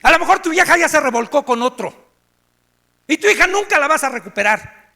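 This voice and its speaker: A man's voice: very high voice, animated, fairly quick, creaky, pushed and bright, voice pushed up, heavily acted. A man playing a blunt, tough man who scolds a whimpering newcomer, in an echoey hall. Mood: scolding. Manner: harsh, scolding.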